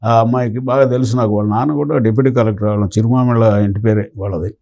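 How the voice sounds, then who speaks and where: A man's voice: on the low side, fairly even intonation, quick pace, creaky, warm tone. An older man telling a long story in an interview and acting out the words of the people in it. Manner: anecdotal, acts out quoted dialogue. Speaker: retired police officer recounting memories.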